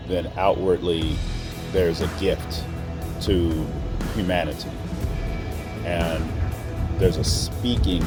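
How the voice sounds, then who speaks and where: A middle-aged man from Oklahoma, United States, hosts a reflective monologue, speaking earnestly, deliberately and emphatically with pauses between phrases. His voice is low-pitched.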